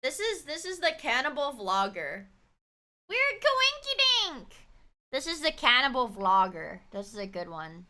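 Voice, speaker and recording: A woman livestreaming casual chat and slangy, expressive commentary with mocking asides. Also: a little high, normal speed, hardly any pauses. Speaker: streamer reacting to true-crime videos.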